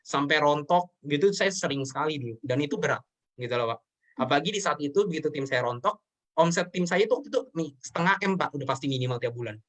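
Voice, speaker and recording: A man's voice: on the high side, lively intonation, fast talker, a bit bright. A man in his twenties talking earnestly and emotionally as an interview guest, often addressing the host as sir. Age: 20s. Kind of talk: earnest personal talk in an interview.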